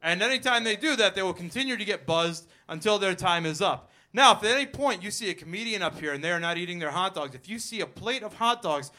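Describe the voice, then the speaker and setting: A man's voice: sits high, expressive, fast talker, hardly any pauses, bright, forceful tone. A man co-hosting a live comedy show, joking and laughing often as he explains the rules. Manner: jokey, laughing often, playful.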